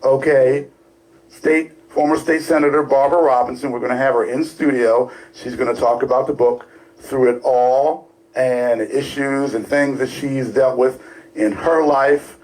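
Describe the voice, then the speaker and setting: A man's voice: mid-range voice, steady tone, moderate pace, darkish tone, poor audio. A man with a Baltimore accent co-hosting a casual radio talk show in a studio, rambling with lots of fillers and restarts.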